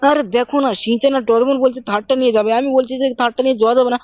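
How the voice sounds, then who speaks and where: A woman gaming host talking at breakneck speed in a fairly high voice, bossing around her sidekicks in a playful uncle role. Her voice is dry and close with no room sound. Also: steady tone, a little mellow, dry recording. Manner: rapid, bossy uncle-style banter. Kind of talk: game role-play commentary.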